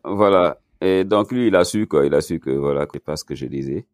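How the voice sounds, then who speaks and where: Deep-voiced man telling his story. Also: brisk, no echo, clean studio sound. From Senegal. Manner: relaxed, laughs often, many fillers. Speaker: chef, podcast guest. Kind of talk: casual interview storytelling.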